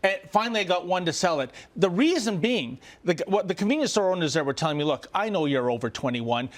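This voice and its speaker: A man's voice: sits high, expressive, fast talker. A man, a reporter talking through the issue in an indignant, rhetorical way. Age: 50s. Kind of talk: commentary chat.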